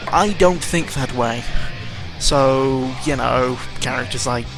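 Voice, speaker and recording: Over video game music, a young male gaming vlogger takes his time with a casual, exasperated rant about games, stuffing it with fillers. His voice is medium in pitch.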